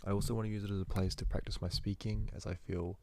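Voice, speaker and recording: A young man, a university student, rambling through a casual spoken journal into his phone, talking fast and correcting himself as he goes. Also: fairly low pitch, little pitch movement, gravelly, a little mellow. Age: young adult. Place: indoors at home. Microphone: phone recording.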